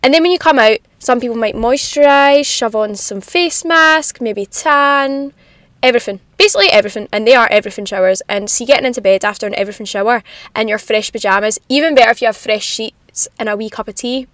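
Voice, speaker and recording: A woman's voice: fairly high pitch, fairly quick, no echo. Chatty young woman podcasting in a rainy car. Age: young adult. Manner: confiding, animated girly slang with self-deprecating humour. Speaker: podcast host. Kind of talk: casual chatty solo podcast. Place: inside a parked car in the rain. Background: rain on the car.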